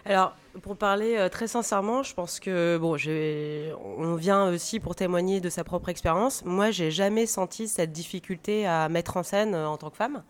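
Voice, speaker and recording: A woman's voice: fairly low pitch, normal speed, hardly any pauses. A woman speaking conversationally as a radio panel guest, often searching for her words. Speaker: guest, stage director and drama teacher.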